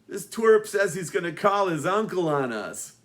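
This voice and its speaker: A man's voice: sits high, animated, moderate pace, fairly bright tone, voice pushed up. A man voicing dim-witted teenage bullies who speak in a mocking, rowdy way. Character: loud, dim high school bully boys.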